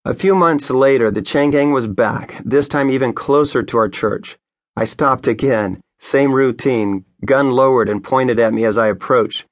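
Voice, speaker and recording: A man's voice: mid-range voice, measured pace. Man earnestly reading his own memoir. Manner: earnest, conversational storytelling. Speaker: pastor. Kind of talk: memoir audiobook narration read by the author.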